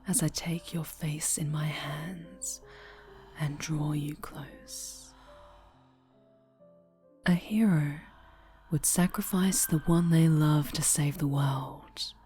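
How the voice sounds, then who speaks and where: Low-voiced, slow possessive villainess played by a woman, breathy whisper, menacing and cloying, over faint music. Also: fairly even intonation, dark tone. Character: possessive fallen-hero woman villain with shadow powers. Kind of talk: whispered audio roleplay.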